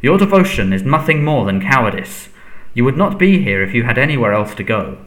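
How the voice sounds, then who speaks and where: A man voicing a frail, menacing dark lord in a storybook, soft, breathy and hissing, commanding and contemptuous. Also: medium pitch, very animated, brisk, rough recording. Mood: contemptuous, angry.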